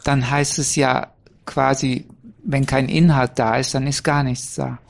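A man's voice: medium pitch, fairly even intonation, measured pace, vocal fry. A man taking part in a spiritual dialogue, speaking hesitantly and searching for words with many fillers. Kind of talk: casual reflective conversation.

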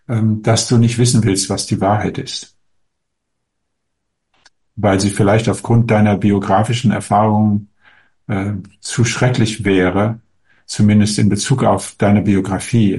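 Speaking as a spiritual teacher, a man takes questions from viewers in a fairly low voice. He muses calmly, with many small hesitations and frequent pauses as he works toward each answer.

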